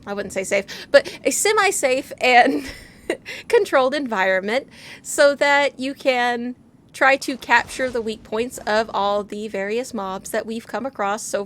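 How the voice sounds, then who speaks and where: Bubbly fast-talking woman gaming host. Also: on the high side, fairly bright tone, slight background noise. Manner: bubbly and goofy, talks fast. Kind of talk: casual gameplay commentary. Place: home in a rural area.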